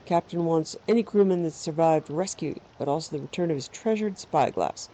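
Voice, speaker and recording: A female gamer host commentates casually on the game she's playing and reads snippets of its text aloud. Her voice is deep, warm and brisk, with faint background noise.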